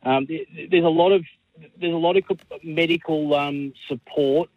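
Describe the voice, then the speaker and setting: An Australian man calling a radio show, giving his opinion in a halting, hesitant way. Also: a little high, steady tone, no echo. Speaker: talkback radio caller. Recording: dull lo-fi caller line.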